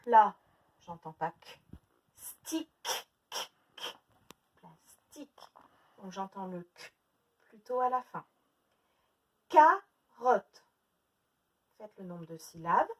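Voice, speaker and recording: A woman teacher giving a phonics lesson to young children, stretching out each syllable and repeating words slowly. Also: fairly low pitch, fairly bright tone, far from the mic.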